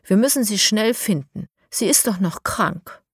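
A woman's voice: medium pitch, expressive, breathy edge, no room sound, clean studio sound, voice pushed up. A woman voicing a worried animal carer in a children's audiobook. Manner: anxious, hurried.

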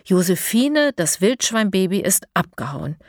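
A woman voicing an excited, curious young boy in a children's audiobook. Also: mid-range voice, a little slow, no echo, clean studio sound. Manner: excited, breathless.

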